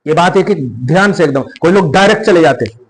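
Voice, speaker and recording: Quick-paced and high-pitched, a man gives step-by-step religious instruction on prayer in a podcast, emphatic and confirming the listener follows. He's an Islamic scholar, and the recording is rough.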